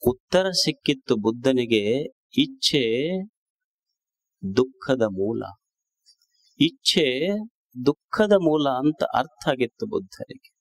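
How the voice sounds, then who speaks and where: A man's voice: medium pitch, animated, takes it slowly, pauses often. A man with a North Karnataka Kannada accent giving a sermon as a swamiji, asking rhetorical questions and repeating his phrases. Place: discourse series in a town.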